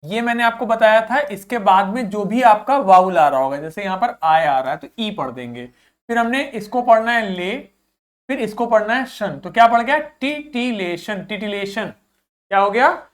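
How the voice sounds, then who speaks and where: A male teacher leads a pronunciation drill in a vocabulary lesson. He says each word two or three times over, slowly and clearly, so students can follow, and mixes English words into his explanations. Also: high-pitched. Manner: repeats each word several times, slowly, for learners to copy.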